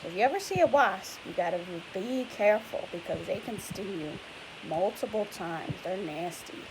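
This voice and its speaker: With an expressive, medium-pitched voice at normal speed, a young teacher reads a picture book to children. She's chatty and explanatory, frequently stopping to pose questions, while a faint hiss sits beneath the audio.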